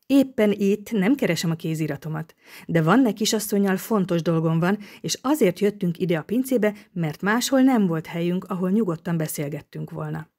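A woman's voice: on the low side, expressive, darkish tone. A woman reading an audiobook, voicing a stubborn male writer who speaks coolly and sounds offended. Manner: cool, offended.

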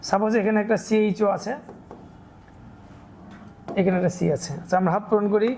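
A man's voice: high-pitched, level tone, fairly quick, darkish tone, slight background noise. A man teaching a school chemistry lesson, working through examples step by step, counting aloud and asking and answering his own questions. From Bangladesh.

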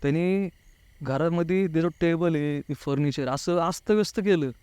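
This Pune man tells a personal story as an interview guest in a casual, talkative way, often voicing quoted dialogue and repeating "नाही का" as a filler throughout. He speaks at a moderate pace in a fairly high, dark, smooth voice, recorded with no room sound.

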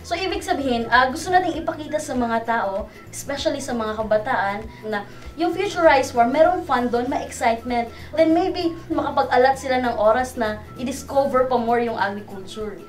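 A woman's voice: high-pitched, a little fast, soft background music. A woman in her twenties with a Filipino accent, a research specialist explaining a program in Tagalog and English. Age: 20s. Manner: mixes Tagalog and English, many restarts. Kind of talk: casual explanation.

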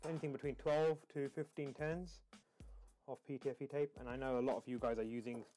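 A man's voice: medium pitch, fairly even intonation, brisk, dark tone, faint music behind. A man in his thirties, a heating engineer, casually explaining his work to camera as he installs parts indoors in a home. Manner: casual, talks to camera while working. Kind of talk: work vlog tutorial. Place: indoors in a home utility room.

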